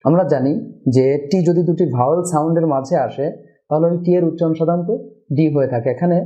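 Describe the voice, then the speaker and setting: Slow, deliberate man teaching pronunciation. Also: on the high side, dark tone, lo-fi sound. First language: Bengali. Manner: slow, deliberate, repeats each word as a model. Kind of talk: scripted pronunciation lesson.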